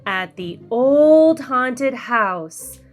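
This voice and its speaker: Background music plays as this woman hosts a children's read-aloud. She's animated, her pitch swoops, and she reads in a slow, deliberate sing-song.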